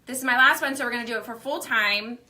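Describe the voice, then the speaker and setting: A woman's voice: on the high side, quick pace, bright, forceful tone. A young woman hosting a live craft demonstration, talking casually with lots of fillers as she works. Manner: chatty, lots of likes and fillers. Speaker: craft demo host. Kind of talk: live demo chat.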